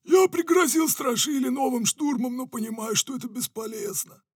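A man's voice: very high-pitched, normal speed, fairly bright tone, dry recording, clean studio sound, voice pushed up. A man voicing a power-hungry male villain ruler who bellows pompous commands in an audiobook. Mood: grumbling. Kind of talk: audiobook character voice.

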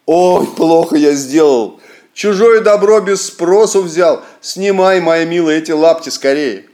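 Мужчина озвучивает крестьянина, то кричащего в панике, то измученного и кающегося. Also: male voice, on the high side, sing-song, unhurried. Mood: pleading. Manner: shouting, breathless pleading. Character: peasant man Akim, greedy then exhausted and repentant.

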